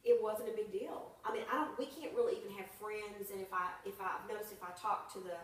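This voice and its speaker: A woman's voice: medium pitch, steady tone, fast talker, fairly bright tone. A woman playing a client in a counseling role-play, earnest and frustrated as she recounts her troubles at length. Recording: very echoey room, mic far off, faint hiss.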